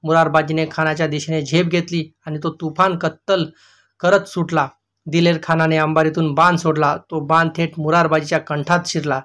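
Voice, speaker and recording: A male teacher reads a children's history lesson aloud. His pitch stays fairly level and sits slightly high for a man, with little rise or fall. He reads steadily and stops now and then to point out the pictures. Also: flat delivery, normal speed, a bit bright.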